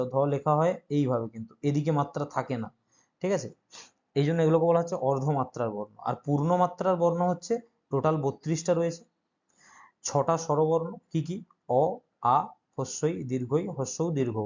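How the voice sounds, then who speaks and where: A man's voice: fairly high pitch, a little mellow. Man teaching a grammar class, lo-fi sound. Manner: explains step by step, often checks understanding. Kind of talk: exam-prep grammar lesson.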